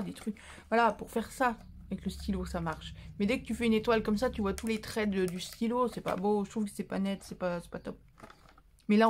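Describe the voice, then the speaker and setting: A woman's voice: medium pitch, slight background noise. A woman chatting casually in a craft haul vlog, rambling with fillers and making fun of herself. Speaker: craft vlogger.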